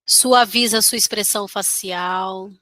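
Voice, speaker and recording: Slow, bright-voiced Brazilian woman guiding meditation soothingly. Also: mid-range voice, steady tone, no echo. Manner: soothing, gently instructing, with long pauses. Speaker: meditation guide. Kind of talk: guided meditation.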